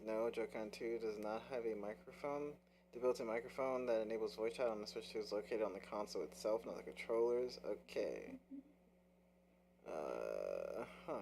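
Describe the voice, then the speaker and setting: Streaming through a game controller mic, a man with a warm, mid-range voice chats casually over a game, with a little hiss or hum. He's brash and profane and keeps repeating himself.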